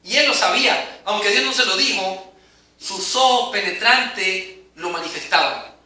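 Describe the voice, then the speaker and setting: A man's voice: high voice, animated, a little slow, pushed and bright. A man preaching a sermon, emphatic and dramatic, swelling and dropping in intensity. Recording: very echoey hall, mic at a distance.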